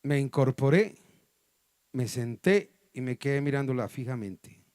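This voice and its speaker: A man with a Colombian accent, a pastor preaching a testimony, storytelling dramatically with sudden loud and soft turns. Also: mid-range voice, expressive, unhurried, clean tone, no echo, studio quality. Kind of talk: sermon testimony. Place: church hall.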